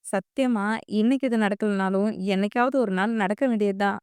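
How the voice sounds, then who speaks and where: A stern young husband talks low and fast in short, clipped lines, as a woman reads him in an audio story. His voice stays clear and close, with no room around it. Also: fairly even intonation, darkish tone, dry recording, lightly acted. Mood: coaxing.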